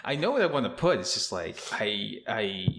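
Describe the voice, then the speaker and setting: A man's voice: fairly low pitch, sing-song, normal speed, a bit bright, slight background noise. Young man echoing in an empty room. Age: young adult. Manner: rambling, many fillers and restarts, frequent laughs. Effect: cave-like echo from an empty, bare room. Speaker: podcast co-host. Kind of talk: casual chat. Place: empty new home office, indoors.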